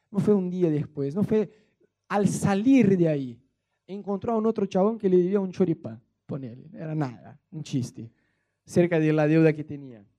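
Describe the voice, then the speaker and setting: A man's voice: high voice, dark tone. A man with an Argentine accent preaching a sermon in a playful, colloquial way, mixing jokes into his teaching. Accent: Argentine Spanish.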